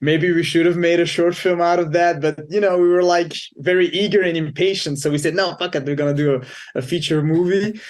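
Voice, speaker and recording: A man's voice: on the high side, fairly even intonation, brisk. A man from Belgium, a film director and guest, speaking candidly in English, often repeating and restarting his words. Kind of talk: casual interview conversation.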